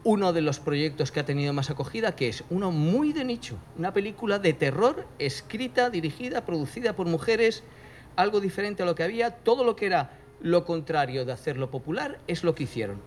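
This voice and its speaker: A man speaking as a journalist on a panel, thoughtful and self-deprecating, with hesitant pauses. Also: sits high, lively intonation, a little hiss or hum. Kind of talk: panel talk.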